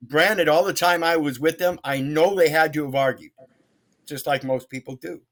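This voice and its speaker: Earnest American man, radio show caller, higher-pitched. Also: moderate pace, a bit bright. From Mississippi, United States. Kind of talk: unscripted call-in debate.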